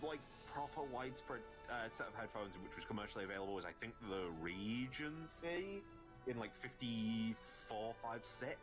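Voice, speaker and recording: A man's voice: mid-range voice, expressive, moderate pace, over music. A man chatting casually with a streamer, teasing and joking and swearing freely. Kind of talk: casual live-stream chat.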